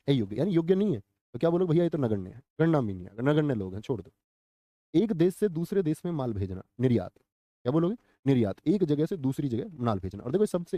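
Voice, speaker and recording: A man's voice: a little high, mellow, no echo. A young man teaching exam vocabulary in a live online class, quizzing viewers and repeating each answer.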